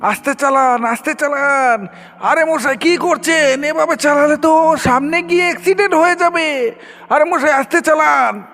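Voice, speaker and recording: A man's voice: high-pitched, sing-song, normal speed. An actor playing a stubborn young male passenger in a horror audio drama, indignant and pleading with the conductor. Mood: panicked. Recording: long reverb with background music.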